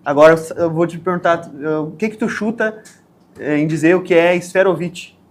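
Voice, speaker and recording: A man with a southern Brazilian accent, a podcast guest who tells stories in a lively way and acts out the lines of people in them. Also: fairly high pitch, a little fast. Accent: Brazilian Portuguese, southern Brazil. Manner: animated storyteller, acts out quotes. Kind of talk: casual podcast interview.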